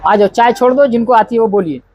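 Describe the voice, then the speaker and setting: A man leading a wedding ceremony, giving a preachy speech that quizzes the crowd and leading slow, drawn-out chants. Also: very high voice, darkish tone, dull audio. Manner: preachy, asks the crowd questions. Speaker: wedding officiant.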